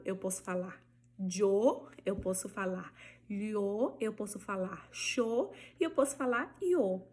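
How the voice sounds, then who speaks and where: A Brazilian woman with a husky, breathy voice teaching an online lesson. Her pitch sits in an ordinary middle range. She explains patiently, drops in quick check-ins and slows right down to model each sound. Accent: Brazilian Portuguese. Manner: patient, checks in often with short tags. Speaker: Spanish teacher.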